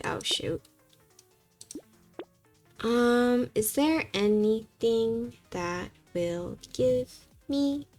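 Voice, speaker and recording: A young woman streaming a game, chatting in a rambling, animated way and pleading with herself when the game gets tense. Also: mid-range voice. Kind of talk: casual gameplay chat.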